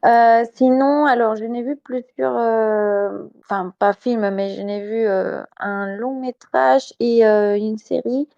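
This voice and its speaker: A Mexican woman with a Spanish accent joins a podcast as a guest, chatting casually over voice chat on a home microphone. Her voice is a little high, steady, slow, gravelly and warm, with lo-fi sound, and she laughs often and hesitates a lot.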